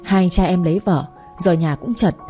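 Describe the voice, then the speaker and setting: A woman's voice: lowish voice, moderate pace, warm tone, faint music behind, natural voice. Woman doing a chatty, pleading village girl. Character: pushy cheerful young village woman.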